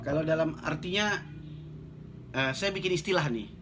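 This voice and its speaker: A man's voice: on the high side, moderate pace, noisy background. A man talking blunt and casual on a live stream, reading out viewer comments and joking as a network marketing coach. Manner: blunt, joking, chatty, laughs often.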